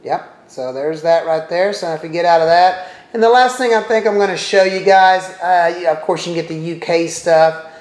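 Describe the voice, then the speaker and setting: A middle-aged presenter with a high voice and moderate pace casually demonstrates a TV streaming service for viewers. As he clicks around, he thinks aloud and makes chatty side comments, all with a roomy echo.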